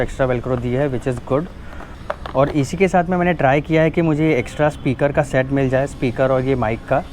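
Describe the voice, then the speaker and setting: An Indian-accented man with a mid-range, darkish voice casually unboxes and installs a product, motovlogger style, hopping between Hindi and English. The mood is loose and informal, and a little background noise can be heard.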